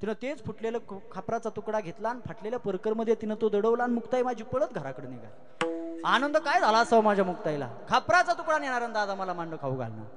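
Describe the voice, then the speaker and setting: A man preaching a devotional sermon as a storyteller, dramatic, swinging between soaring loud lines and soft asides and questioning his audience directly. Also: high voice, big pitch swings, quick pace, crowd noise. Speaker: kirtan preacher. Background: music.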